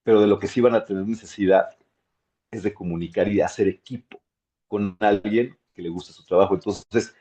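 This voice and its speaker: A man teaching a masterclass as a voice coach, animated and repeating words for emphasis. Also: on the low side, normal speed. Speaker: voice and speaking coach.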